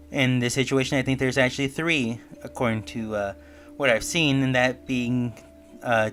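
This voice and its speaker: An online reviewer and theorist delivers explanatory, musing commentary in a semi-scripted video essay review, with music in the background. His voice is medium-pitched and a bit bright.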